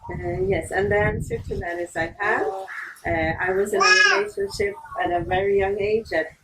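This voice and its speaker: Hesitant woman from Tanzania, lively pitch. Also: moderate pace, creaky. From Tanzania, raised in Sweden. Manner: hesitant, reflective, many fillers. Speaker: interview guest. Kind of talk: casual interview. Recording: distant mic with noisy background.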